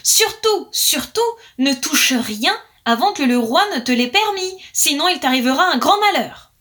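A woman's voice: a little high, animated, a little slow, a bit bright. A woman playing a wise, cautious magpie. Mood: confiding. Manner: confiding, warning.

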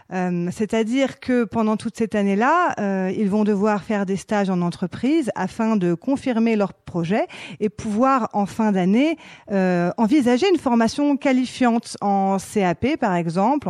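A woman who works as a teacher and coordinator explains her school program on the radio at a measured pace, with frequent hesitations. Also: a little high, darkish tone, dry recording, clean studio sound.

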